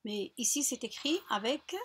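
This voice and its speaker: A woman teacher with a fairly high, husky voice talks children through a workbook lesson. She goes slowly and patiently, repeating words and breaking them into syllables. The tone is that of a recorded classroom walkthrough. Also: expressive, a bit bright. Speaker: primary school teacher.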